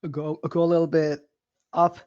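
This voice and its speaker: A man's voice: fairly high pitch, flat delivery, moderate pace, a little mellow, dry recording, muffled recording. A man playing a tabletop game who gives orders hesitantly and laughs at his own jokes. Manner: hesitant, giggly. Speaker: player.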